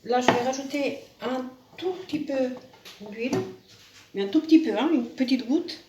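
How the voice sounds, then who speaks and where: A woman's voice: high voice, moderate pace, a little mellow. A woman with a Spanish accent hosting a casual home cooking demonstration, chatting as she cooks and often adding "hein" and "voilà". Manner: chatty, repeats "hein" and "voilà", restarts words. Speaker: home cooking video host. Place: home kitchen with a sizzling pan. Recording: roomy distant kitchen sound, faint noise.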